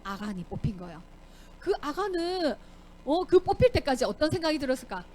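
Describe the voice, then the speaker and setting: A woman's voice: high voice, very animated, brisk, warm tone. A young woman teaching Sunday school, telling a Bible story to children, asking them questions and acting out the characters' lines.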